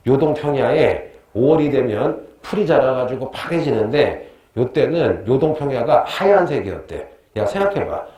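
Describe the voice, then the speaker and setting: A man's voice: medium pitch, big pitch swings, moderate pace, mellow, echoey room. A middle-aged man teaching a history class, quizzing his students and joking and laughing with them as he lectures.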